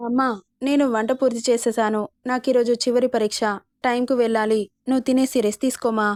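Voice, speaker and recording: Defiant young woman student, read by a woman narrator; firm, even-toned, higher voice, dry. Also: a little fast, no room sound, lightly acted. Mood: gentle. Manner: firm, pleading.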